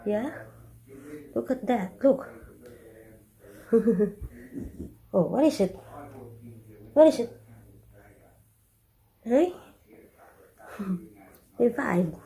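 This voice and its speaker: A woman babbles lovingly to her dog in a high, very unhurried voice. Her pitch swings widely as she coaxes and repeats its pet name. Faint voices of other people can be heard behind her. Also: lively intonation, vocal fry, warm tone. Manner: coaxing, sing-song, repeating pet names. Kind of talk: baby talk to a dog.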